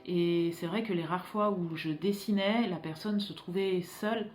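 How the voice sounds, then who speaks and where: French woman vlogging about her trip, chatty and rambly, lots of little pauses, echoey room. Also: on the low side, darkish tone. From France. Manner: rambling, many filler pauses and restarts. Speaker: illustrator vlogger. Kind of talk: casual vlog chat to viewers.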